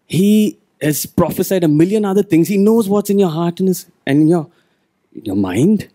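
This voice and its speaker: A man's voice: high voice, moderate pace. A man, a pastor, preaching a conversational sermon and acting out the quotes he reads. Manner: conversational preaching, animated quoting.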